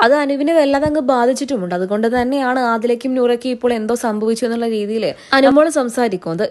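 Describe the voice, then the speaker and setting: Woman narrating a reality show recap. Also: fairly high pitch. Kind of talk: scripted voice-over commentary.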